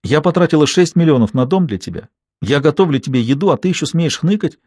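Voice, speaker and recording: A man's voice: fairly high pitch, lively intonation, quick pace, darkish tone, no echo, clean studio sound, voice pushed up. A man voicing an enraged middle-aged wife who hurls cutting, scornful words back at her husband.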